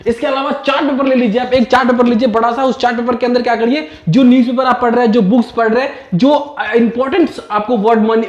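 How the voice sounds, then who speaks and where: An English teacher with a very high-pitched voice delivers a motivational spoken-English lesson, blending Hindi with simple English phrases and repeating each point. The sound is roomy.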